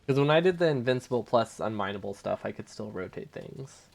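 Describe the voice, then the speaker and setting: A man talks through his game live, musing aloud and answering his chat with easy chuckles. His mid-range voice carries a gravelly, creaky texture. Soft music hums faintly beneath him. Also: mid-range voice, animated, brisk. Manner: thinks aloud, chuckles often, easily amused. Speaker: game streamer.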